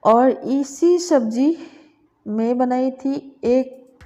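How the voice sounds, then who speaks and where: A middle-aged woman chatting casually in her home kitchen as she cooks, speaking slowly and deliberately with pauses. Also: high-pitched, mellow. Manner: slow, deliberate talk with pauses. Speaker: cooking vlogger. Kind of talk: casual cooking vlog chat.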